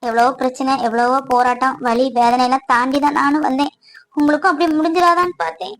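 A woman's voice: sits high, flat delivery, fast talker, poor audio. A woman voicing a caring married young woman who earnestly reassures and advises a friend.

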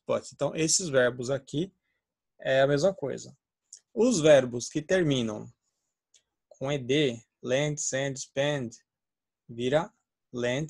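Brazilian guy teaching english verbs, kinda gravelly and husky, repeats every form. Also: medium pitch, no echo, studio quality. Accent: Brazilian Portuguese. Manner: explanatory, repeats verb forms aloud. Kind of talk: classroom grammar lesson.

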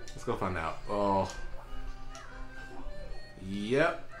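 A young man hosting a let's play, commenting excitedly, swearing and laughing at the game. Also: on the low side, extremely slow. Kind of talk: casual gameplay commentary. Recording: echoey room with faint game music. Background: faint game music.

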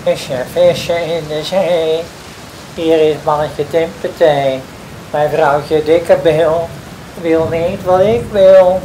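A woman's voice: rumbling low, slow, a little mellow, slight background noise. A woman voicing a timid, anxious humble fisherman who pleads hesitantly.

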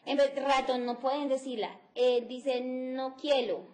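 A woman's voice: sits high, level tone, normal speed, darkish tone. A middle-aged woman, teaching an English phonetics class on TV and explaining sounds step by step, mixing in English. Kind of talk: televised class lecture.

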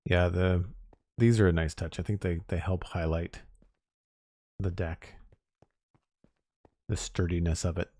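A Minecraft streamer chats casually with his viewers while building, relaxed and talking to chat, his deep voice a little worn and going hoarse after a full day of talking. He speaks a little slowly with long pauses, and the recording is dry and studio quality.

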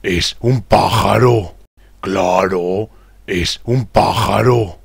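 A man with a deep voice playing a character in a children's music lesson, speaking slowly and expressively to young viewers. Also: vocal fry, heavy background noise, heavily acted. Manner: slow, exaggerated teacher-like speech to children. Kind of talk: children's educational acting.

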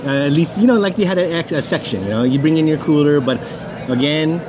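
This podcast co-host has a fairly high, animated voice and speaks a little fast. He's bantering casually and cursing with his co-host on an outdoor racetrack terrace, with crowd noise and outdoor sounds filling the background.

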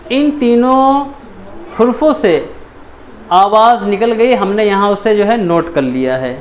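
A man teaching Quran letter reading, patiently repeating syllables slowly and checking in often. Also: sits high, a little hiss or hum. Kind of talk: step-by-step recitation lesson.

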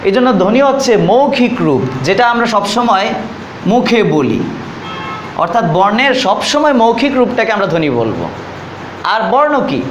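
A man teaching a lesson, explaining step by step, repeating key terms, with frequent fillers. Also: high voice. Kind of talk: classroom lecture. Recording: echoey room with faint noise.

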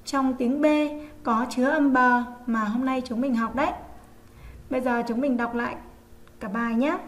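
A woman teaching an online first-grade reading lesson, sounding out letters slowly and clearly for young pupils. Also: fairly high pitch, fairly even intonation. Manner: slow, clear, drawn-out pronunciation of sounds. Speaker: primary school teacher.

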